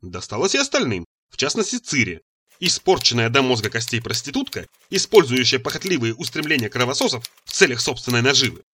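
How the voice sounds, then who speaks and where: Мужчина-чтец, живо и ярко. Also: male voice, mid-range voice, fairly quick, slight background noise. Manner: expressive, acts out dialogue. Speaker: narrator. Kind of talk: audiobook reading.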